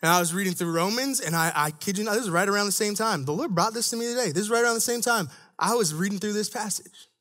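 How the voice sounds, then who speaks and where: A man's voice: high voice, fast, hardly any pauses, bright, forceful tone. A man preaching a sermon to young adults, chatty and laughing at his own stories, then rising into an emphatic preaching cadence.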